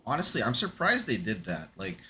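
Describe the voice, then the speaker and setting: A man with a fairly low but bright, forward voice chats casually as he streams a game. His talk is laid-back and slangy, with faint noise behind him. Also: wildly swooping pitch, a little fast. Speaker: streamer playing a horror game. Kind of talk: casual gaming livestream commentary.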